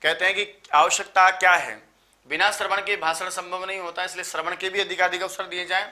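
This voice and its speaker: Bright-voiced tired teacher from Rajasthan. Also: male voice, high voice, flat delivery. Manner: explanatory, lists terms in quick runs, addresses students as sir. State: tired, just woke up. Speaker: online Sanskrit teacher. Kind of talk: live online exam-prep lecture.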